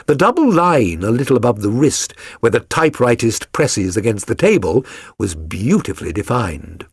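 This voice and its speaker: For a dramatised audiobook, a man voices a keen, self-assured British detective who lectures in a precise, condescending, theatrical way, sounding pleased and instructive. His mid-range voice is sing-song with a breathy edge at normal speed. The sound is clean studio quality with no room sound.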